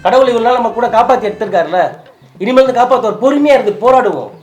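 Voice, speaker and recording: Tearful high-voiced man, fast talk. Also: expressive. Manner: tearful, pleading and consoling. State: crying. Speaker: husband in a staged prank video. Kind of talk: emotional scripted couple conversation.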